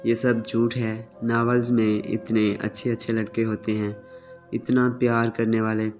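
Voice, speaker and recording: A man voicing a stubborn young woman who scorns her cousin, in a flat, plain reading voice. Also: medium pitch, natural voice. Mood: defiant. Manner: scornful, defiant. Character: stubborn young woman refusing an arranged marriage. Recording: slightly dull with soft music.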